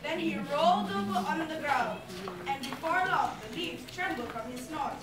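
A young adult woman with a high voice reads story narration dramatically at a moderate pace, performing as a student in readers theatre. She's recorded by a far-off camera in the audience of a large lecture hall, so the sound is echoey and the crowd is loud.

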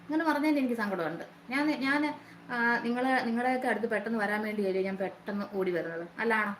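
A woman's voice: medium pitch, fast talker. A woman hosting a casual live stream, chatting and greeting her viewers by name one after another. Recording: roomy echo, faint noise.

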